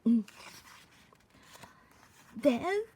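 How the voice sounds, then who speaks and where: A woman voicing a worried, gentle male elephant in a read-aloud picture book, fretful and dramatic. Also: a little high, big pitch swings, extremely slow, husky, voice pushed down, full character voice. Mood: despairing. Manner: fretful, sneezing, dramatic despair.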